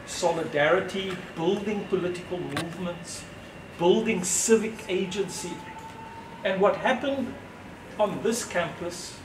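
At a gallery entrance, a man in his sixties with a high voice gives an unscripted, reflective speech to an audience at an exhibition opening, measured and pausing between phrases. A far camera with no visible mic captures it, so the sound is roomy, distant, and noisy.

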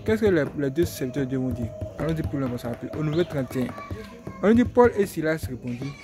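A young man teaching from the Bible, retelling a story in a lively sermon with exclamations and repeated phrases. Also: on the high side, quick pace, over music.

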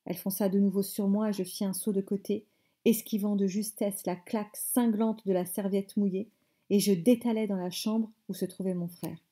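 A woman teacher reading a novel aloud in measured phrases, stopping to explain words. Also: mid-range voice, fairly even intonation, warm tone. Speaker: French teacher.

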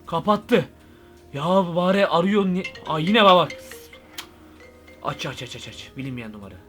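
Excitable high-voiced young man ranting. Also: moderate pace, faint music behind. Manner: excitable, rambling, slangy. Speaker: YouTube comedian. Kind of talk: comic vlog monologue.

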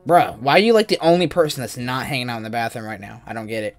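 A man's voice: mid-range voice, fast, faint music behind. A young man bantering casually with strangers in a VR game, slangy and comically indignant. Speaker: streamer playing social VR.

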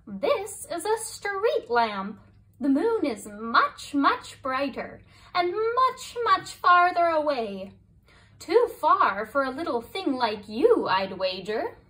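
A woman voicing a large spider in a storybook, slow and pitying. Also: sits high, big pitch swings, a bit bright, full character voice, rough recording.

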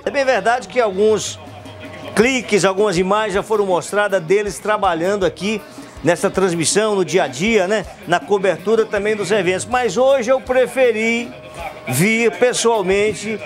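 A man's voice: high-pitched, moderate pace. A middle-aged man with a Northeastern Brazilian accent presenting and interviewing on location, like a hyped rodeo announcer, into a handheld mic. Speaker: TV show presenter and reporter. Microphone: handheld microphone. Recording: outdoor TV report with faint music bed.

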